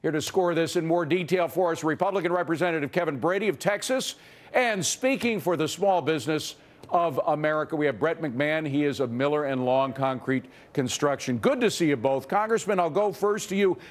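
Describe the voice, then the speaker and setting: Male news host, raised pitch, emphatic opinion-segment delivery. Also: a little fast. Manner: emphatic, editorializing.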